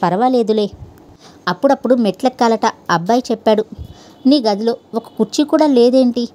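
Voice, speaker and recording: Brief: woman reading as a soft-spoken, caring older lady of the house; mellow, warm tone, storybook. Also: on the high side, brisk, natural voice. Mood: gentle coaxing. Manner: soft, coaxing. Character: kind older mistress of a house, gentle and concerned.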